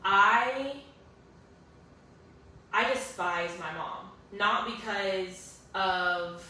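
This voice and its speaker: A woman's voice: mid-range voice, extremely slow, sharp tone. Earnest young woman, echoey room. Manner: earnest, emotional, many fillers. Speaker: guest sharing her story. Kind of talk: emotional personal storytelling. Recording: echoey room, distant mic, faint hiss.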